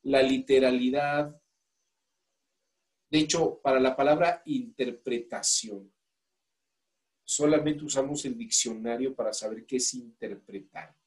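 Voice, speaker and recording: A man's voice: medium pitch, unhurried, pauses often. A man with a Mexican accent teaching a law class, asking the students questions and coaxing volunteers to read aloud. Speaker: law course instructor. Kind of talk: classroom lecture.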